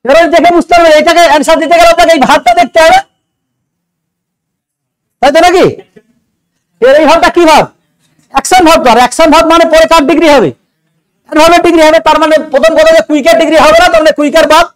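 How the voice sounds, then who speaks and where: In this roughly recorded exam doubt-clearing session, a man works through English grammar step by step and poses questions to his students. His extremely high voice holds a steady tone, and he speaks quickly but with long pauses.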